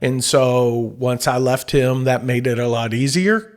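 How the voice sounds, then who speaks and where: A middle-aged man, a professional Santa and auctioneer, telling his story in an easygoing, casual interview. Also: medium pitch. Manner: easygoing storyteller, breaks into quick auctioneer chant.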